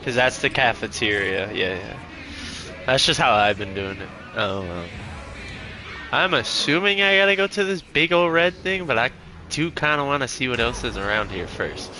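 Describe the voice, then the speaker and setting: A man giving casual gameplay commentary as a streamer, excitable, profane and joking. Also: mid-range voice, normal speed, soft background music. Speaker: gaming streamer.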